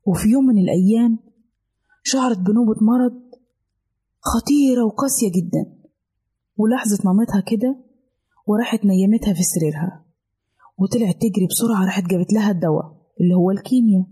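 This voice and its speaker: A woman's voice: mid-range voice, fast, long pauses, husky. A woman with an Egyptian Arabic accent narrating a children's story with an affectionate, storybook delivery. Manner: warm, affectionate.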